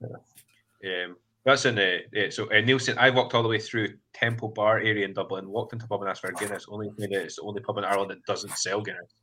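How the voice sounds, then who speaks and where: A man's voice: fairly low pitch, steady tone, fast talker, bright, forceful tone, low-quality recording. A Scottish man hosting a casual podcast chat, rambling a little and often hesitant. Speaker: podcast host.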